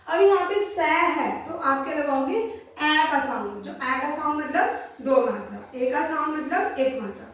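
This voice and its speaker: A woman teaching Hindi spelling, explaining patiently, sounding out syllables slowly and checking in with her students often. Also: high-pitched, animated, a little hiss or hum. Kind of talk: classroom-style explanation. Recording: roomy echo, voice from a distance.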